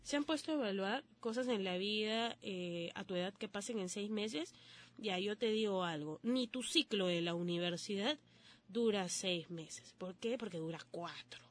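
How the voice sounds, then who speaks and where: A woman's voice: mid-range voice, normal speed. A young woman with a Peruvian accent talking casually to her viewers, giving relationship advice with lots of rhetorical questions and local slang. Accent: Peruvian Spanish. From Peru.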